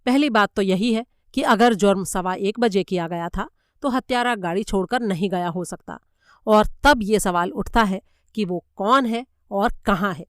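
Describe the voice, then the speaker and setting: A woman voicing a calm, methodical male detective in a story reading, cool and measured as he reasons. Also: medium pitch, clear, resonant tone, no room sound, studio quality, natural voice.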